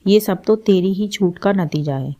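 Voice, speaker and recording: A woman voicing a stern, sharp-tongued older mother-in-law who taunts her daughter-in-law, in a storybook reading. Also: medium pitch, measured pace, natural voice. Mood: taunting.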